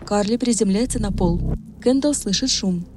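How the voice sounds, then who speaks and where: A woman's voice: medium pitch, normal speed, background noise. A woman reading scripted audio description of a film as its narrator, in present tense. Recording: voice-over on loud film music. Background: film music.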